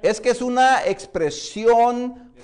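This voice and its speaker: A man teaching a Bible interpretation course to a class, questioning students often and pausing with fillers. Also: extremely high pitch, a little mellow, clean tone. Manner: explains with many questions to the class and "hermanos"; hesitant, frequent "eh" fillers and restarts. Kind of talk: classroom lecture.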